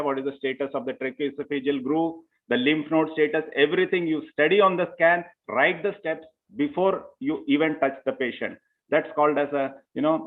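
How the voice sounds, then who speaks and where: Methodical man over phone-like audio. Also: a little high. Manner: methodical, step-by-step explaining with frequent "you know". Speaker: surgeon lecturing at a medical conference. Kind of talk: medical lecture. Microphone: remote call line. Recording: tinny phone-like call audio.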